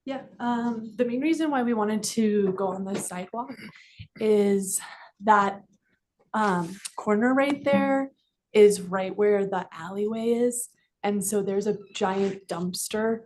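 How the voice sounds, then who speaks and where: A woman's voice: mid-range voice, takes it slowly, darkish tone, slight background noise. Woman explaining her restaurant's plans to a council. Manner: informal, many fillers, explanatory. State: slightly out of breath. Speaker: restaurant representative. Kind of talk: public comment at council meeting. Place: council chamber. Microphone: desk microphone.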